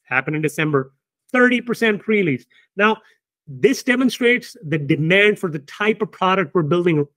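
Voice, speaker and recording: A man, the company's founder, talking through business results in an emphatic, animated way, often checking in with "right?". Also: high-pitched, normal speed, dry recording. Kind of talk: casual business discussion.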